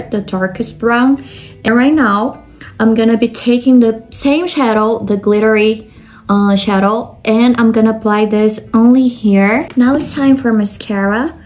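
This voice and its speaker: Her voice is fairly high and a little mellow. She's a young makeup vlogger from Brazil, guiding viewers step by step through a tutorial in a Brazilian Portuguese accent and filling gaps with frequent "like"s.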